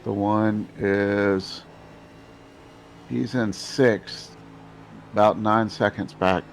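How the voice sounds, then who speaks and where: A low, gravelly man works as a race spotter over radio chat. He gives terse, repeated position calls and easygoing encouragement, with faint vehicle noise behind him. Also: steady tone, very slow.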